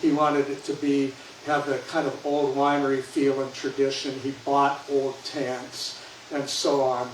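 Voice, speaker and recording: A man's voice: medium pitch, little pitch movement, unhurried, recorded from a distance. Older man speaking in an echoey hall. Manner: rambling, with frequent restarts and repeated words. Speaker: guest speaker at a historical society. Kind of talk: anecdotal slide presentation. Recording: echoey hall taken from afar with faint noise.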